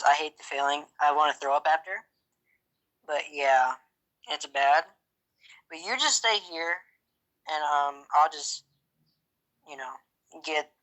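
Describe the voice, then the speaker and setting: A man voicing a character in a game roleplay, talking in a halting, hesitant way full of fillers. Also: fairly high pitch, bright, forceful tone, low-quality recording. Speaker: roleplay player.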